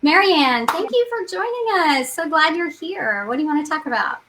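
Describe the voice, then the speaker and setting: A woman's voice: high voice, lively intonation, moderate pace, background noise. A middle-aged woman co-hosting a live online panel over a video call, friendly, reading out questions and laughing easily. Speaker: co-host of an online training panel.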